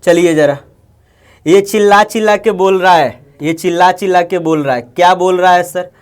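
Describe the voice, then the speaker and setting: An Indian man with a Bihari Hindi accent gives an online maths lecture in a high voice at normal speed. He repeats himself, coaxes the class, and keeps asking whether they follow.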